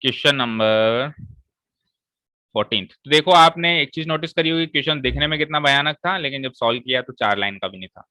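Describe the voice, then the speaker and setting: Male maths teacher, bright forceful voice, walks students through each step, dry close recording. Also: medium pitch, a little fast, dry recording, low-quality recording. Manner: explains step by step and checks with students. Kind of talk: classroom maths lesson.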